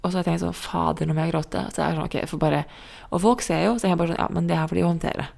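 A woman's voice: on the low side, fairly even intonation, creaky, a little mellow. A woman co-hosting a podcast, speaking in an earnest, reflective way in casual conversation. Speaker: podcast co-host.

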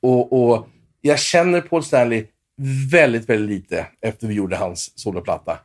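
A man in his fifties from Sweden, a guitar player, is the guest in a storytelling interview full of restarts and filler words. He speaks with a fairly low pitch and wide swings in intonation.

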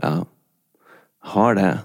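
A man from Norway co-hosting a podcast, telling a long confessional story in a halting, rambling way with lots of restarts. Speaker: podcast co-host. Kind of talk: casual confessional chat.

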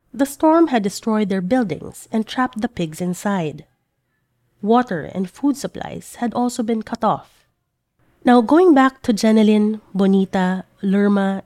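A woman reading a scripted news podcast narration in a measured, deliberate way. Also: mid-range voice, warm tone. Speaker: podcast writer and producer, narrator.

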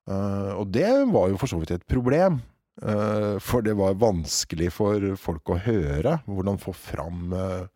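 A man, a theatre director reflecting on his work in an interview, animated and full of hesitations. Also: deep voice, no room sound, clean studio sound. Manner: animated, hesitant with many fillers.

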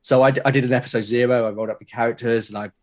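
In a casual podcast interview, a British guest talks very fast in a steady, mid-range voice with a slightly mellow quality. He's enthusiastic but hesitant, often repeating words.

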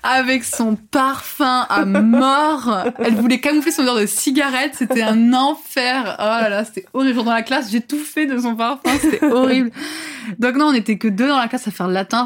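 A woman in her twenties, a podcast guest, talking casually with many fillers and frequent laughs. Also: a little high. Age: 20s. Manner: chatty, lots of fillers, laughs often. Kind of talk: casual chat.

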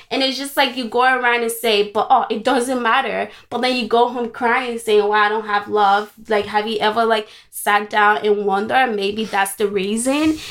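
Young woman ranting her opinion on a chill podcast, pretty high voice, really insistent. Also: a bit bright. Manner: emphatic, talks at length about her opinion. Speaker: podcast co-host. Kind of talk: casual opinionated chat.

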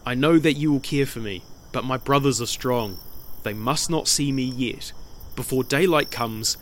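A man voicing a proud young male hero who speaks low, hushed and firm, in a storybook retelling. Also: moderate pace, slight background noise, lightly acted.

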